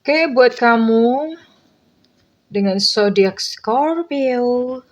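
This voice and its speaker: A woman giving a casual tarot reading to her viewers in a gentle, reassuring way, calling them dear and slipping in English phrases. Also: fairly high pitch, extremely slow. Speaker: tarot reader.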